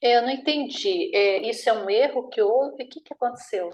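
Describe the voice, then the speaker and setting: A woman's voice: on the high side, fairly quick, darkish tone. A woman with a Brazilian Portuguese accent, a student reading words aloud in class and answering briefly and tentatively. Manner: tentative, short replies.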